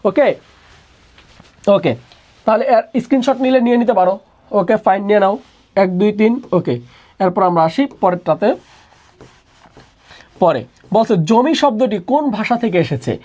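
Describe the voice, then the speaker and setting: A man's voice: sits high, expressive, measured pace, long pauses, a little mellow. Man drilling students by repeating questions. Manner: repeats each question and answers it himself in a call-and-response drill; mixes English words into his speech. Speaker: admission test tutor. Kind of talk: online exam-prep lesson.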